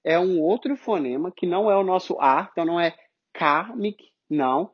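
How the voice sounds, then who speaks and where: A man's voice: sits high, expressive. Brazilian male teacher, patient step-by-step explainer, slightly dull recording. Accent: Brazilian Portuguese. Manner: explains step by step, repeats sounds slowly to demonstrate. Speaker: English pronunciation teacher. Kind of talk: online phonetics lesson.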